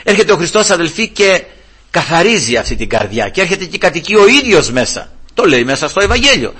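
A man's voice: fairly high pitch, sing-song, pushed and bright, husky. A male preacher giving a sermon, telling a Bible story and calling his listeners brothers.

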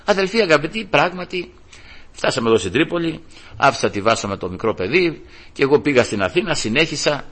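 An older man, a grandfather, preaching and telling a heartfelt story to his congregation, warm and emotional with many restarts. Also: on the high side, husky. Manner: emotional, animated, restarts often. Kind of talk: storytelling sermon.

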